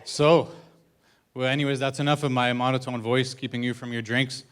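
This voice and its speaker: A man's voice: mid-range voice, level tone, moderate pace, fairly bright tone, smooth. Man teasing the groom in a toast. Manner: joking, self-deprecating, teasing. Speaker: best man. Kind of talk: wedding toast. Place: wedding reception hall.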